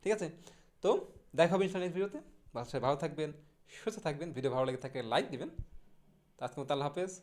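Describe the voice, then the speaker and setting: Higher-voiced man drilling pronunciations. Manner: repeats model words slowly and drills them. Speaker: English pronunciation teacher. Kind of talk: casual video lesson.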